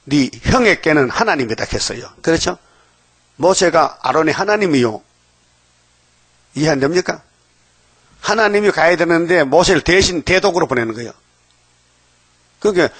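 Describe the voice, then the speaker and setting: A man preaching a dawn sermon, emphatic, often prodding his listeners with quick rhetorical questions. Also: on the high side, a bit bright, dry recording.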